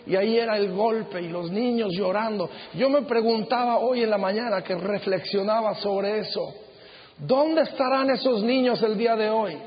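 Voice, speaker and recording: A middle-aged male pastor preaching a sermon in an auditorium, earnest and measured, slowing down to stress key phrases. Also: sits high. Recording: dull sound with long hall reverb.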